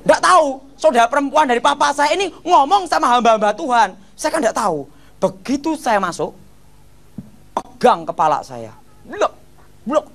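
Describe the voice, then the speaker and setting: A middle-aged man with a Javanese-tinged Indonesian accent, preaching a testimony as a lively storyteller who acts out the voices in his story. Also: very high voice, normal speed, vocal fry. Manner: animated storyteller, acts out voices, shouts quoted lines. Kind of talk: testimony sermon.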